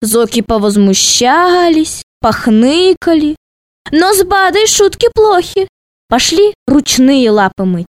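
A woman narrating a children's storybook in a playful, expressive way. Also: high-pitched, takes it slowly, no echo.

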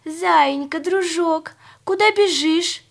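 A woman's voice: very high-pitched, slow pace, gravelly, voice pushed up, full character voice. Woman doing a sly sugary fox. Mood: coaxing. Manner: coaxing, sugary tone. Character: sly sweet-talking female fox, fierce when threatening.

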